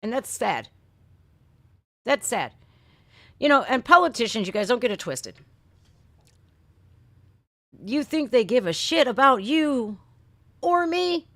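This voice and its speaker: Her pitch fairly high and swinging widely, this American reaction video host talks slowly with long pauses, casually ranting and chatting on a livestream in blunt, folksy, profane slang. The recording is dry, clean studio sound, and her voice is a bit bright.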